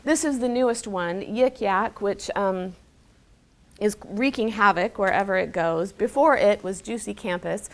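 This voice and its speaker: A woman's voice: mid-range voice, unhurried. A woman giving an informal, explanatory public talk in an emphatic, conversational way, addressing her listeners directly. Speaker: speaker giving a talk on digital life and psychology.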